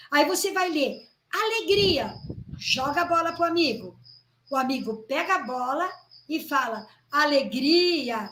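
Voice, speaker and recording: A woman's voice: sits high, a bit bright, reverberant, low-quality recording. A woman teacher giving a lecture on classroom activities, often checking in with her listeners. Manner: addresses the audience as "gente", checks with "né?" and "ok?".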